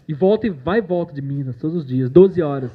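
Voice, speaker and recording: A man's voice: on the high side, narrow, tinny audio. Chatty, joking man giving a student talk. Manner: chatty, jokey, with slang and swearing. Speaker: animation producer giving a talk. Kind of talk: casual talk to university students. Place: university lecture room.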